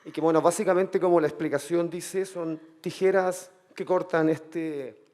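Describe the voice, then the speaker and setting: High-voiced man, casual. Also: fairly even intonation, moderate pace, a little mellow. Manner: casual, hesitant, describing drawn panels. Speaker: illustrator. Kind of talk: talk at a public science event.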